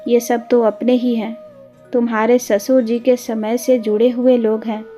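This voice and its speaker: A woman voicing a gentle, loving elderly village mother who speaks humbly and tenderly. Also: a little high, level tone, unhurried, faint music behind, close to an everyday voice.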